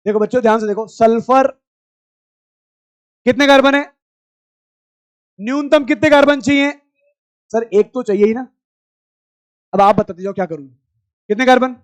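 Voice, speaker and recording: High-voiced male teacher shouting in class. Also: moderate pace, pauses often, no echo. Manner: loud, scolding and coaxing students. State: strained throat. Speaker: chemistry teacher. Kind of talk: classroom lecture.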